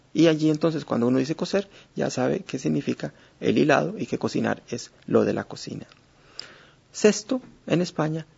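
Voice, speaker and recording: A man teaching a lesson, speaking in a measured way with many hesitations and fillers. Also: mid-range voice, vocal fry, darkish tone, breathy edge. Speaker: Spanish teacher. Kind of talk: explanatory lesson. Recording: dull lo-fi recording.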